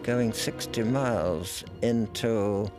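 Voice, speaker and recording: An older man, a war veteran, recalling his wartime memories in a measured, reflective way. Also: lowish voice, over music.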